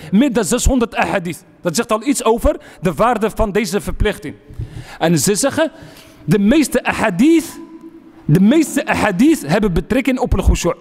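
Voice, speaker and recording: A man's voice: sits high, big-room sound. A man giving a sermon, emphatic, repeating key phrases and asking and answering his own questions. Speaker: speaker giving a religious lecture. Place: lecture hall.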